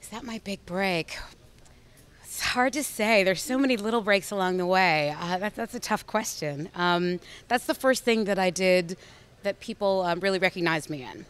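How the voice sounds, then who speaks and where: Her voice is medium-pitched, fairly bright, clear, and resonant, at a normal speed. As an actress being interviewed in a relaxed chat, she gushes enthusiastically and frequently begins her sentences over.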